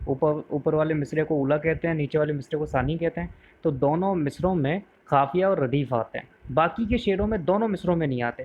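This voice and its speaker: A man explains a poetry lesson patiently, going back over key words and putting questions to the listener. His voice sits a little high for a man. The sound is thin and narrow, like a phone line. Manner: mixes English words into explanations. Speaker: poetry teacher.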